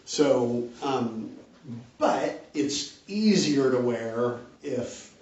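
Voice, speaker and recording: A man's voice: mid-range voice, expressive, drawn-out words, darkish tone, a little hiss or hum. A man leading a casual parish question-and-answer session, explaining patiently and often checking in with "right?". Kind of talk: casual group discussion. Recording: roomy, distant, dull audio.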